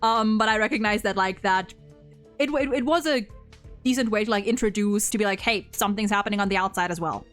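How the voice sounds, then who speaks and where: Speaking a little fast in a mid-range, slightly bright voice, a young woman who streams and hosts game discussions talks about a game's story as an eager fan. Her informal speech is sprinkled with "like", and music runs behind her.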